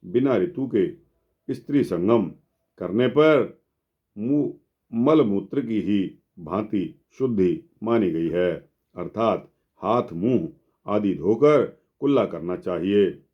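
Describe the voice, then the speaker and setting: A man reading out and explaining a religious scripture in a measured way, often turning to address his listeners as friends. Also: on the low side, expressive, highs cut off. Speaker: scripture narrator.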